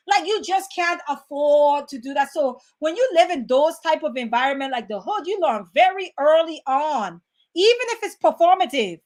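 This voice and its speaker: Host: young adult woman, high and lively, chatty and candid with the audience. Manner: animated, conversational, reads out viewer comments. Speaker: host reading live chat. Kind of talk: casual livestream talk.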